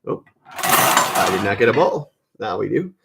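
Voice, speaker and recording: A man's voice: fairly low pitch, very animated, measured pace, creaky, heavy background noise. A man hosting a live card break, chatting casually, calling viewers by name and fixing his own mix-ups.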